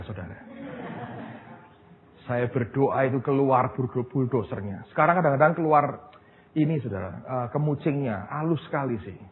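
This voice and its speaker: A man preaching a sermon as pastor, telling stories in a lively way and often turning to his listeners as brothers and sisters. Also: mid-range voice. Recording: tinny phone-like sound, long hall reverb, faint noise.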